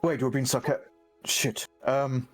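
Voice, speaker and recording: A man's voice: mid-range voice, flat delivery, a little slow, soft background music. A man acting as game master, narrating a tabletop role-playing game and talking casually with players.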